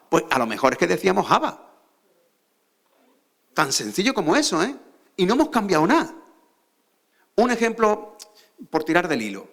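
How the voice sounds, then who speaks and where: A man's voice: sits high, a bit bright. A man with an Andalusian accent giving a lecture on a theater stage, often posing rhetorical questions to the audience. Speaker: conference speaker.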